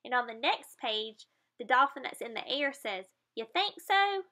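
Bright-voiced woman reading a picture book. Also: on the high side, normal speed. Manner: explains the pictures, adds playful sound effects. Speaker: reader of a children's picture book.

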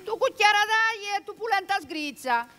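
A woman acting a sharp-tongued, nosy village gossip in a stage comedy, speaking Italian dialect from the Marche. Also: very high voice, lively intonation, normal speed, exaggerated voice. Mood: catty, gossiping. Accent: Marche dialect, Italy. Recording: noisy theatre stage recording.

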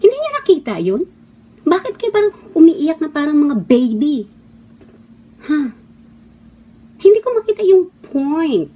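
A middle-aged former actress from the Philippines, now living abroad, delivers a heated, scolding monologue of opinions packed with mocking rhetorical questions. Her high, warm voice is very animated, a little slow, and she pauses often.

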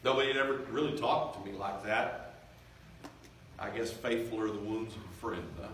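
A man's voice: lowish voice, moderate pace, fairly bright tone, slight background noise. A middle-aged man preaching a revival sermon, earnest and building in intensity as he addresses the congregation. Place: large church sanctuary. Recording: very echoey church sound from a distance.

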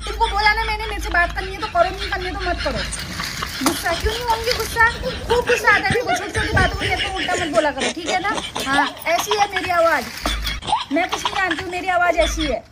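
A woman playing a loud, short-tempered married woman who scolds and shouts in a comedy skit. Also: extremely high pitch, fast talker, over a noisy crowd, very noisy, pitched above the performer's own voice. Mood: loud scolding.

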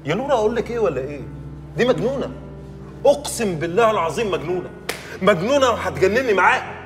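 An actor with an Egyptian accent playing an exasperated young newlywed husband in a TV drama. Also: male voice, mid-range voice, rapid-fire, recorded from a distance, natural voice. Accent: Egyptian Arabic. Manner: pleading, then exasperated. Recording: music under the dialogue.

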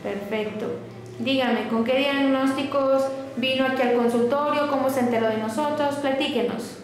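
Woman interviewer, pretty high voice, quick friendly questions, echoey office. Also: fairly even intonation. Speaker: interviewer at a clinic. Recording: echoey small room, faint noise.

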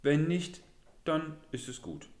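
Man doing a loud, pushy trickster. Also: a little high, sing-song, reverberant, voice pushed up. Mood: wheedling. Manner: loud, brisk, offhand bargaining.

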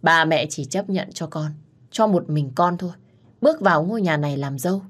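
A woman voicing a spiteful, scheming middle-aged mother-in-law who shouts insults. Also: low-pitched, a little fast. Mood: coaxing.

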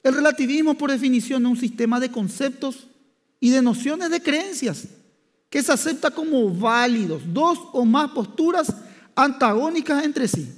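High-voiced pastor preaching in a hall. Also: male voice, lively intonation. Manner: halting, with many restarts and "diríamos" fillers. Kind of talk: sermon. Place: church hall. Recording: long church hall reverb.

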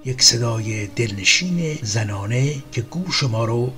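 A man tells a remembered story in a calm, measured way. His voice sits at a middle pitch. Soft music plays faintly beneath him. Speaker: narrator. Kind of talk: storytelling narration.

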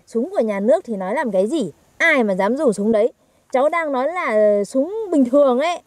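A woman's voice: sits high, dry recording. A young woman, teasing and chatty as a granddaughter in a comedy skit.

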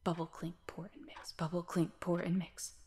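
A woman's voice: lowish voice, flat delivery, moderate pace, a little mellow, natural voice. A woman voicing a female mad scientist who mutters a sing-song chant in a muffled, half-whispered voice. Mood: muttering chant.

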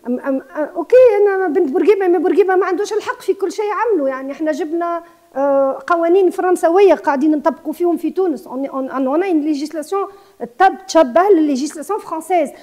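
A woman's voice: extremely high pitch, racing, darkish tone. A Tunisian woman in her sixties who runs a guesthouse, speaking with passion as a TV interview guest and mixing in French words. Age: 60s. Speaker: guesthouse owner.

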